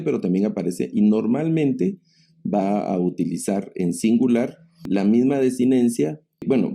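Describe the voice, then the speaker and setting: A man's voice: on the low side, gravelly, warm tone. A man giving a Greek grammar lesson, speaking in a patient, explanatory way and addressing his students directly. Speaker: Greek teacher. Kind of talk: online class lecture.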